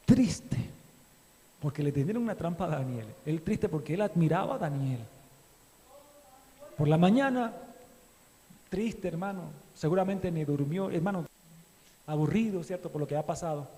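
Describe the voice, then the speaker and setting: A man's voice: high voice, lively intonation, moderate pace, pauses often, dark tone. A man, a pastor, preaching a sermon with fervor, swelling and dropping as he addresses his congregation. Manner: fervent preaching that swells and drops, with frequent asides to the congregation. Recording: long hall reverb.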